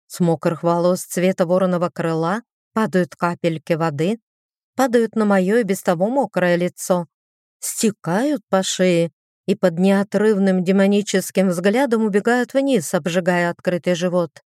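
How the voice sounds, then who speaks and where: A woman's voice: fairly low pitch, a little slow, darkish tone, dry recording, studio quality. A woman narrating a first-person romantic fantasy audiobook, telling the story expressively with a light touch of irony.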